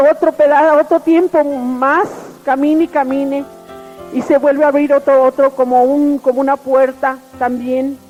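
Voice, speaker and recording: A woman's voice: high voice, a little mellow. A woman telling her personal religious testimony in an earnest, repetitive way. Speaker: testimony giver. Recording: lo-fi radio broadcast with faint music.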